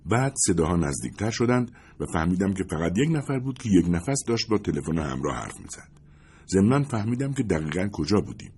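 A man narrating a first-person story in a measured, suspenseful way, husky-voiced. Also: deep voice, very animated, a little mellow, slight background noise. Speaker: audiobook narrator.

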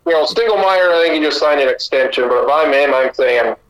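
A man's voice: a little high, fairly quick, a crowd in the background, rough recording. A man co-hosting a sports podcast, giving opinionated takes in long runs of casual chat. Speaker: podcast co-host.

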